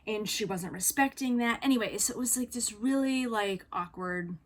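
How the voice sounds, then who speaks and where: A woman's voice: on the high side, moderate pace. A woman telling a personal story in a casual vlog, chatty and full of fillers, acting out other people's lines. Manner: chatty, many fillers, acts out quoted dialogue. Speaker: vlogger on living with BPD.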